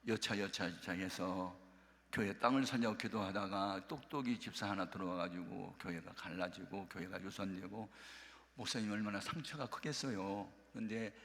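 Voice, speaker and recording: A man's voice: medium pitch, bright, forceful tone, in a large hall. A pastor acting out a defiant, tearful churchwoman. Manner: pleading through tears. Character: defiant then tearful woman churchgoer, middle-aged.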